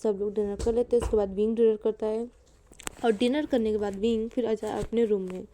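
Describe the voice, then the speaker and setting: A woman's voice: mid-range voice, steady tone, fairly quick, warm tone. A woman casually narrating a fan story and chatting with her viewers.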